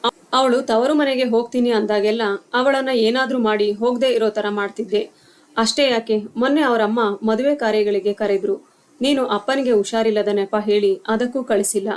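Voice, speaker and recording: A woman voicing a calm young husband and son who gently reasons with his mother in a storybook tale. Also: a little high, moderate pace, natural voice. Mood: firm.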